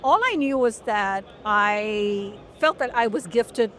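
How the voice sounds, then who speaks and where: A middle-aged woman from Malaysia, a journalist being interviewed, telling her story in an articulate, measured way. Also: medium pitch, a bit bright. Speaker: guest journalist. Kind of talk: long-form interview.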